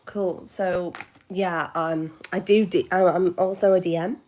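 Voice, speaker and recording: Woman, late twenties, livestream Q&A host, unhurried and lowish, halting self-corrections. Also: steady tone, a little mellow. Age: 20s. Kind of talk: casual live Q&A chat.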